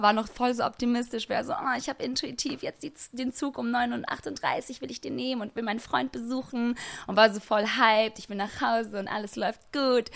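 A young woman co-host chatting casually on a podcast. Her talk is animated, slangy and self-mocking, and her voice sits at an ordinary pitch for a woman. She tells her stories with plenty of energy. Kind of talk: casual chat.

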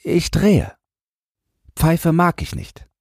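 A man reads a small, frightened boy who keeps watch over rubble, his voice pushed high and thin. He sounds timid and stubborn, grief held back, with a husky edge and swinging intonation, recorded close and completely dry. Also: huge pitch swings, unhurried, no echo, heavily acted. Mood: timid, sad. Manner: timid, stubborn, quietly grieving. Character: frightened nine-year-old boy guarding rubble. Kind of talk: audiobook character voice.

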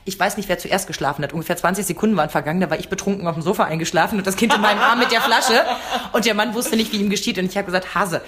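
A woman co-hosting a casual chat podcast, telling lively anecdotes and laughing often. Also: medium pitch, racing, few pauses. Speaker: podcast co-host.

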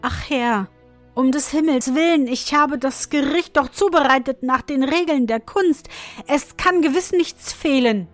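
A woman's voice: high voice, fairly even intonation, slow pace, few pauses, fairly bright tone, faint music behind, pitched above the performer's own voice. Woman voicing a frightened, pleading little dwarf. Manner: begging, trembling.

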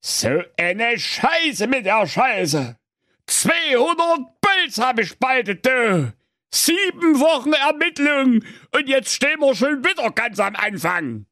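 A man's voice: extremely high pitch, big pitch swings, bright, forceful tone, no echo, studio quality, voice pushed up, heavily acted. A man voicing a grumpy, easily moved police inspector in a comic fairy tale, grumbling and exasperated. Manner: slow, exasperated, sing-song grumbling.

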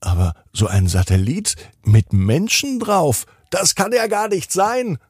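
A man's voice: high voice, very animated, measured pace, slightly rough, no room sound, clean studio sound, pitched above the performer's own voice, exaggerated voice. A man voicing a young girl in a bedtime story, exclaiming in disbelief. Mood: disbelieving. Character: young girl, wondering, doubtful.

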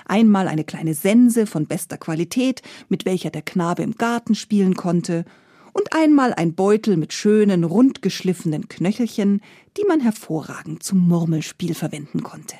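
A woman reading a fairy tale aloud as a calm, lively storyteller. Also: fairly low pitch, moderate pace, no room sound, studio quality.

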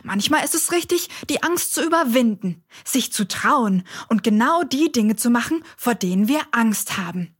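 A curious, caring girl, asks eager questions in a children's radio play. Her voice is a little high and breathy, warm with concern for her friend. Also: expressive, moderate pace, few pauses. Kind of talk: children's audio drama acting.

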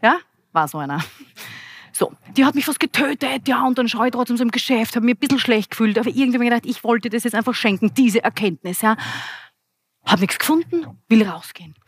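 Austrian woman, 40s, sales trainer at a keynote; fairly high, very animated voice, dry close sound. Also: fast, husky, no room sound. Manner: lively, energetic, addresses the audience directly. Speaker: business trainer and keynote speaker. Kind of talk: interactive keynote talk. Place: event hall with live audience.

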